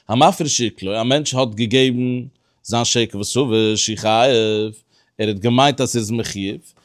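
A man teaching a Talmud study lesson, explaining step by step in a halting way with many restarts and pauses. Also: medium pitch. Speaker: religious teacher.

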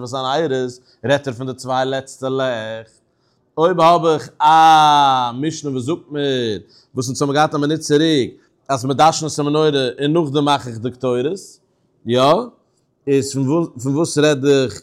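A man teaching a Talmud class, animated, posing questions and answering them himself. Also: medium pitch. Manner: animated, asks and answers his own questions. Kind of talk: Talmud lecture.

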